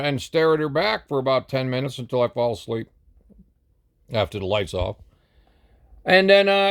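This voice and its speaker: A man's voice: fairly high pitch, gravelly. An older American man telling a long, rambling dating story in a casual, blunt and sometimes profane way. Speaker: vlogger.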